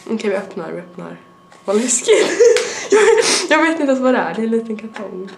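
A woman's voice: mid-range voice, animated, creaky. A young adult woman with a stuffy nose, rambling in a casual vlog chat with lots of fillers. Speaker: vlogger.

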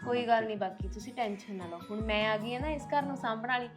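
Young actress as a reassuring Punjabi bride, fairly high voice, soft music under. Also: female voice, fast, natural voice. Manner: soothing and reassuring. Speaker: newlywed wife. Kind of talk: village family drama acting. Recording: background music.

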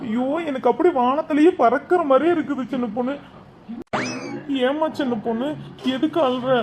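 An eager, flustered young husband, played by a woman in a homemade comedy skit, with a fairly high voice. He keeps agreeing with everything in a hurry and gets mixed up. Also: moderate pace, music in the background, natural voice. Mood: excited. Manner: obliging, flustered.

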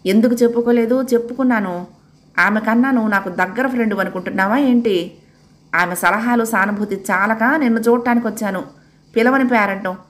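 A woman's voice: on the high side, brisk, close to an everyday voice. A woman voicing a grown woman who confides in an old friend, reproachful and teasing.

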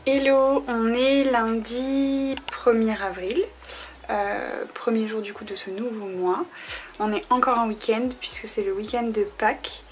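A woman's voice: on the high side, fairly even intonation, measured pace, slight background noise. A young woman from France, a freelance graphic designer, chatting casually to camera in a rambling way with many fillers, sounding tired. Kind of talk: casual vlog chat to camera.

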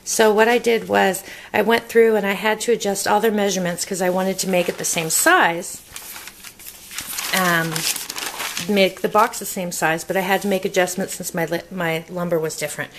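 A woman's voice: lowish voice, fairly bright tone. A woman talking casually and instructionally as a DIY video host, recorded indoors. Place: indoors at a wooden table.

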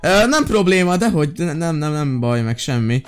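A man playing a flustered kindergarten teacher in a game while commenting, excitable and prone to frantic, repeated pleading. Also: on the high side, smooth, soft background music. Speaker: gaming YouTuber. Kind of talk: Minecraft role-play commentary.

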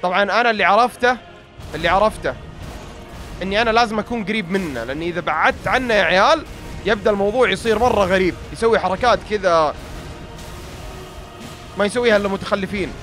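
A young man with a Gulf Arabic accent rattling off gameplay commentary at a breakneck pace, his voice a touch high and audibly worn out. He grumbles, mocks himself and talks straight to his viewers, with faint music playing behind him. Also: quick pace, long pauses, a bit bright. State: tired, strained voice. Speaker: gaming YouTuber.

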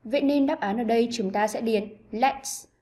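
Bright-voiced woman teaching English. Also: a little high, moderate pace. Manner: clear, patient explaining to pupils. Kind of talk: online lesson narration.

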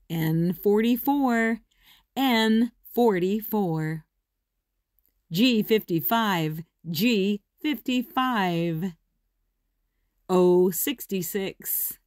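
A woman working as a bingo caller, announcing in short, measured, deliberate calls and repeating each one. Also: mid-range voice, dry recording, studio quality. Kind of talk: bingo calling, each number announced twice.

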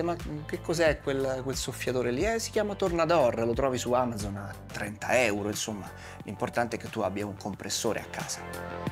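A man in his thirties gives casual instructional commentary in colloquial speech, talking straight to the viewer with rhetorical questions. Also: mid-range voice. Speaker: car detailing presenter. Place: small padded studio, seated at a desk. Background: music.

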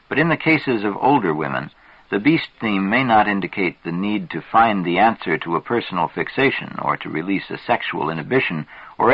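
Low husky man reading a book. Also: no room sound. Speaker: reader. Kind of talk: scripted narration of a psychology book. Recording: dull lo-fi dry recording.

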